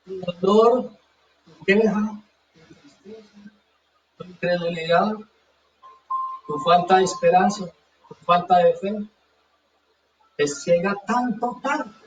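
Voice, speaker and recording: High-voiced fervent male preacher, echoey. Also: far from the mic, slight background noise. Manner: fervent, repeats phrases for emphasis. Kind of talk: sermon. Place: church hall. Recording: dull echoey church sound from afar.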